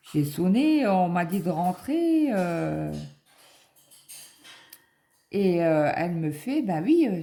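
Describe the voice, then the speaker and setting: Middle-aged woman vlogger, casual rambling chat, low dark gravelly voice. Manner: rambling, many fillers, acts out quoted dialogue. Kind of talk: casual chat, retelling an appointment.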